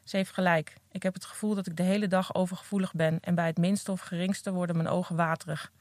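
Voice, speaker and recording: A woman's voice: lowish voice, fairly even intonation, fast talker, darkish tone, no room sound. A woman reading aloud from her own memoir in an earnest, candid first-person voice, recorded close on a podcast mic. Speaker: recovering addict reading from her own book.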